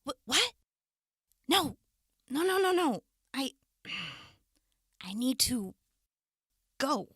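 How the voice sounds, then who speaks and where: Woman acting a very high-pitched, flustered prisoner. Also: very animated, extremely slow, long pauses, fairly bright tone, husky, no room sound, clean studio sound, exaggerated voice. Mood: embarrassed, hesitant. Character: flustered, foul-mouthed jailed young woman desperate for relief. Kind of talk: audio drama acting.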